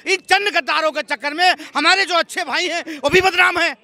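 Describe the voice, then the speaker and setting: Man arguing on the street, keeps saying hear me out, really high voice. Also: fairly even intonation, fairly quick, sharp tone, dry recording. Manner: insistent, repeats himself, talks over others. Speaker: street interviewee. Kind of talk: heated street debate.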